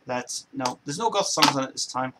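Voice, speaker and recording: An Englishman in his forties, speaking at medium pitch with an expressive delivery and normal speed, hosts a casual chat show from home. His talk is loose and meandering, circling back, repeating himself and restarting often. Heavy background noise fills the recording.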